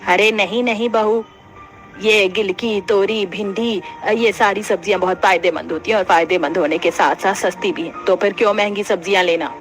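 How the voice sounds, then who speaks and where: A woman voicing a stingy older mother-in-law in an animated family story, bossy and scolding. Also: mid-range voice, moderate pace, soft background music, close to an everyday voice. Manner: scolding, penny-pinching.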